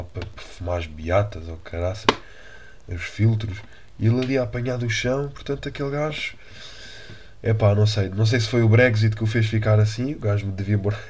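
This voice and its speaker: A young man with a European Portuguese accent and a somewhat low voice tells a story in a casual, animated way. He swears freely and often breaks off to restart his sentences, like a podcast host chatting loosely. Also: background noise.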